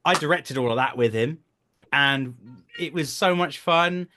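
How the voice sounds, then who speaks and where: A voice and performance director in his thirties, interviewed casually, tells animated stories full of jokes and self-deprecating humor. His voice is fairly high-pitched and his pace measured.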